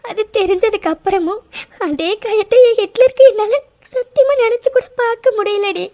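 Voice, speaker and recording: A woman's voice: very high-pitched, normal speed, mellow. A woman voicing a tearful young woman who begs through sobs and stammers, in a cartoon. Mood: crying, pleading. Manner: sobbing, stammering pleas. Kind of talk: cartoon voice acting.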